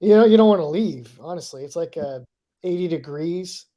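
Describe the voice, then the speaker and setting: A man giving casual football analysis, thinking aloud with halting restarts. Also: on the high side, warm tone.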